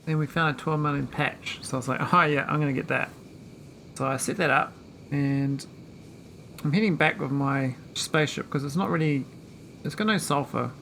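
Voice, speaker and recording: A man chatting casually while streaming a game, rambling with many pauses and talking to his viewers. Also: fairly high pitch, fairly bright tone, slight background noise. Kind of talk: casual live-stream chat.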